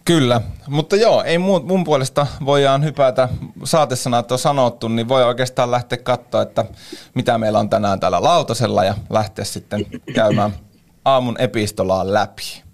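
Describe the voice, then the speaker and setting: A man co-hosting a webinar over a video call, relaxed and joking as he relays audience comments. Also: medium pitch. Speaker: webinar co-presenter. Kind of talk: casual webinar talk.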